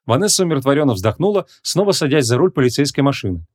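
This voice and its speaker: A man narrating an audiobook in an even, measured reading voice. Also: mid-range voice, no echo, clean studio sound.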